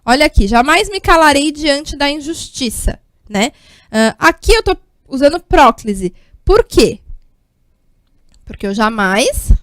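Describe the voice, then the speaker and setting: A woman's voice: high voice, no echo. A Brazilian woman teaching Portuguese grammar at a board, explaining step by step and checking in often with her students. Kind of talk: whiteboard grammar lesson.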